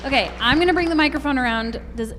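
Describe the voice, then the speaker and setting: A woman hosting a campus event, upbeat and quick as she thanks the guest and opens audience questions. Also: high-pitched, big-room sound, crowd noise, noisy background. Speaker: event host. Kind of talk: moderating audience Q&A.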